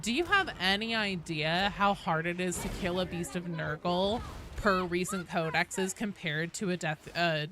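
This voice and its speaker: Over a noisy background, a woman speaks unhurriedly in a fairly low voice. She livestreams a game with rambling, sweary, self-deprecating casual chat.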